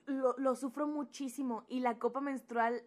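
A young woman, chatting casually and answering in short, soft-spoken replies. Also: high-pitched, little pitch movement, moderate pace. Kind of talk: casual chat.

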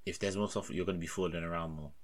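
A man's voice: deep voice, fairly even intonation, rapid-fire. A young man, chatting casually in a laid-back, slangy, repetitive way. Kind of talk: casual chat with a friend. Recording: clear background noise.

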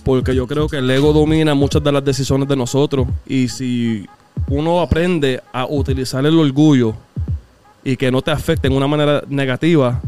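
A man, a podcast guest who talks earnestly and haltingly, often repeating words. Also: mid-range voice, darkish tone, smooth. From United States. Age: 30s. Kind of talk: casual interview chat.

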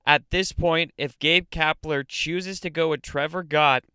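A man's voice: on the high side, steady tone, a little slow, bright, forceful tone, clean tone, no echo. A man hosting a solo sports podcast, opinionated and getting fired up as he breaks down the games.

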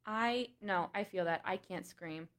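A woman in her twenties, a podcast guest, chatting casually and telling animated, giggly stories. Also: medium pitch, unhurried. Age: 20s. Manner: animated storyteller, giggly, says "like" a lot. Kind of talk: casual chat.

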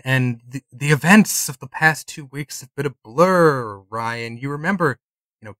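A man runs a tabletop horror game, narrating as he improvises. His delivery stumbles and repeats, with a bright, sharp voice at a middle pitch in a dry recording. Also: no room sound. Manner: halting, repeats words as he improvises. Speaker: game master.

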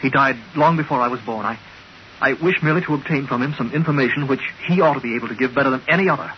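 A man's voice: medium pitch, very fast, natural voice. An actor playing an impatient, earnest male scientist in a 1940s radio drama. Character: driven male scientist seeking a perfect lens. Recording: dull old radio broadcast with faint hiss.

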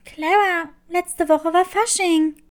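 A woman voicing a kind little girl kitten who speaks gently and caringly, in a children's storybook. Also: extremely high pitch, fairly even intonation, slow.

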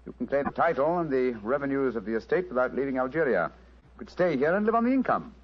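An actor playing a composed, courteous English gentleman detective, British accented and assured, in an old radio drama. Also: medium pitch, very animated, slight background noise, natural voice. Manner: polite, brisk, assured. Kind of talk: 1940s radio drama acting. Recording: dull old radio recording, music behind.

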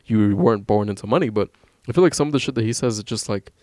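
A man's voice: fairly low pitch, animated, quick pace, darkish tone, dry recording, studio quality. Casual, swearing young man. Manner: rambling, swears a lot, laughs often. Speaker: podcast co-host. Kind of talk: casual chat.

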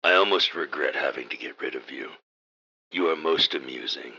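An actor playing a pompous villain mastermind in a comic radio drama, with slow, theatrical menace and easily exasperated. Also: male voice, extremely low pitch, pushed and bright, muffled recording, heavily acted. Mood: smug menace. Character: pompous, exasperated male villain mastermind of evil professorial henchmen.

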